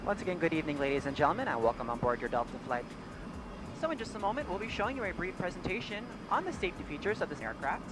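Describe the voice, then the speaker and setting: A man giving a scripted cabin announcement over the aircraft PA loudspeaker, polite and formal. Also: sits high, sing-song, rapid-fire, over music.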